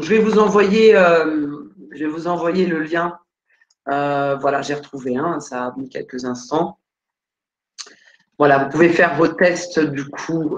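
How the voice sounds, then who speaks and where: A woman's voice: deep voice, highs cut off. A woman career coach answering questions live on a video call, hesitant and full of fillers while searching her files.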